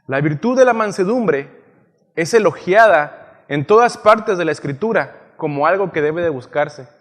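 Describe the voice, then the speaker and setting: A male preacher teaching a sermon, often pausing to ask his listeners "yes?" as he checks they follow. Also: on the high side, animated. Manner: teaching, asks frequent "¿sí?" checks. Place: church hall. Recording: long church hall reverb.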